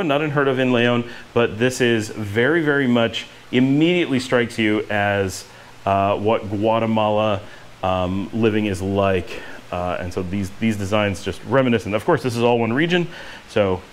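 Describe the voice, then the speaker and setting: With a handheld action camera held at arm's length, a vlogger in his forties tours the indoor and outdoor rooms of his courtyard-pool house. His voice sits fairly low, and there's a little hiss or hum on the track. He sounds enthusiastic and rambles, filling the gaps with plenty of fillers.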